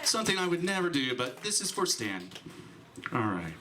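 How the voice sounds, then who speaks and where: A man's voice: on the high side, big pitch swings, moderate pace, a loud crowd, heavy background noise. A man, a comedian on a comedy club stage, giving a rambling, self-deprecating stand-up tribute through a handheld mic.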